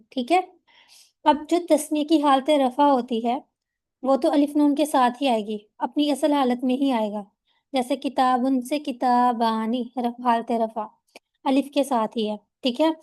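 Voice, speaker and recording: A young woman teaching a grammar lecture, explaining patiently and often pausing to check that her students follow. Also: high-pitched, warm tone. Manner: slows down to spell out example words syllable by syllable. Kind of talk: classroom lecture.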